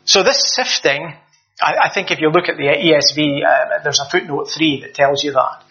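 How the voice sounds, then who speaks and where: A man preaching a sermon, his voice bright and a little high. He talks conversationally, with fillers, and rises sharply on stressed words. The recording sounds dull and lo-fi. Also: moderate pace. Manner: conversational, with hesitant fillers and emphatic rising stresses.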